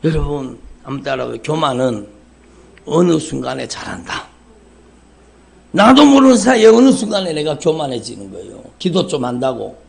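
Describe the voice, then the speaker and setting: Gravelly Korean pastor preaching fervently. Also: male voice, fairly high pitch, very animated, moderate pace, darkish tone. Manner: fervent preaching, repeats "여러분" and "정말로". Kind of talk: sermon. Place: church sanctuary. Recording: live church service stream.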